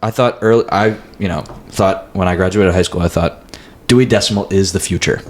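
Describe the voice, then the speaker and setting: A man in an improvised comedy chat, rambling in a deadpan way with sudden loud bursts. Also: low voice, fairly quick. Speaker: comedy podcast guest playing a librarian.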